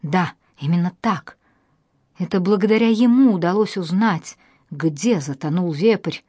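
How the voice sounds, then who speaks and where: A woman's voice: fairly low pitch, unhurried, breathy edge, no room sound. A woman reading the part of a fierce, cunning young woman under arrest in an audiobook. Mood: passionate. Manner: calm then passionate.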